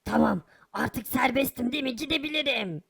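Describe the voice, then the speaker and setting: A woman's voice: fairly high pitch, brisk, gravelly, a bit bright. A woman voicing a sly, shameless criminal in a cartoon who boasts about his crimes. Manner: sly, wheedling, casually boastful. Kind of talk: animated cartoon voice acting.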